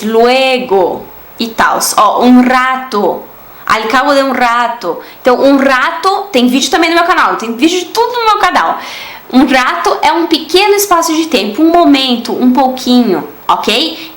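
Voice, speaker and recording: A woman's voice: on the high side, a bit bright, echoey room. A woman, teaching a casual online Spanish lesson and often checking in with her listeners. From Brazil. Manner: chatty, asks listeners "né?" and "tá?" often.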